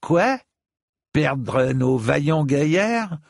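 A man reading a story and voicing a coarse, menacing knight who jeers loudly. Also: on the high side, lively intonation, drawn-out words, gravelly, no echo, studio quality, voice pushed up, heavily acted. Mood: jeering.

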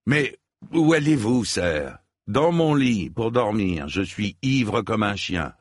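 A man's voice: on the low side, expressive, slow pace, dry recording, clean studio sound, pitched above the performer's own voice. A man voicing a big, earnest young hedge knight in a storybook reading, speaking plainly and bluntly. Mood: tipsy.

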